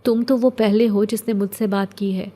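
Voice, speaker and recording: A woman's voice: mid-range voice, steady tone, lightly acted. A woman playing a wistful orphan girl. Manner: soft, wistful, plaintive. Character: lonely young orphan girl, poor and gentle.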